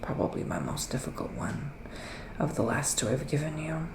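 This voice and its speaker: In an intimate ASMR roleplay, a man portrays a kindly witch doing a psychic tarot reading, whispering often in a soft, breathy, slightly high voice. His delivery is slow, soothing, and expressive, full of deliberate pauses. The room echoes noticeably and the recording is very noisy.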